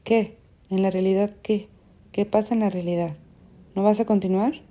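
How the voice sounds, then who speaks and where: A woman's voice: medium pitch, fairly even intonation, moderate pace, warm tone, natural voice. A woman voicing a frustrated young man who questions bluntly and insistently, in an audiobook. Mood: exasperated.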